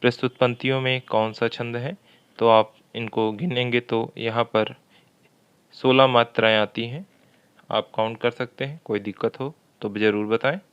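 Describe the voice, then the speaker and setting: A man's voice: mid-range voice, steady tone, fairly bright tone, clear, resonant tone, lo-fi sound. A man teaching a Hindi grammar lesson for exam preparation, reading each question twice and working through it step by step. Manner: slow and methodical, repeats questions aloud.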